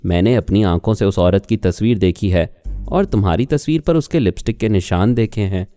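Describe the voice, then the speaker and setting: A man's voice: on the low side, mellow, faint music behind, close to an everyday voice. A man voicing a jealous young wife who accuses and argues, in an audiobook reading. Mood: accusing. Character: jealous young woman, sharp-tongued wife.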